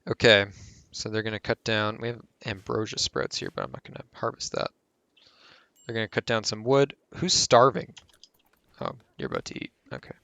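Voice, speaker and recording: A man's voice: fairly low pitch, moderate pace, vocal fry, pushed and bright, no room sound. A man hosting a casual gameplay tutorial who rambles and corrects himself mid-sentence as he explains. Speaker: game tutorial host.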